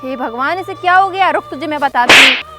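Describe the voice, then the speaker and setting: A woman's voice: high-pitched, fairly quick, close to an everyday voice. A woman playing a cruel, greedy stepmother who scolds and threatens harshly in a moral-story drama. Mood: angry. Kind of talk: Hindi moral-story acting. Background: background music.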